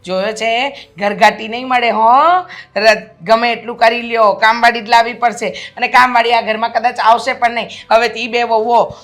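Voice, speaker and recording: An actress playing a sharp-tongued middle-aged mother-in-law who scolds and mocks. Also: a little high, steady tone, normal speed, few pauses, natural voice. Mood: sarcastic. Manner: sarcastic, scolding.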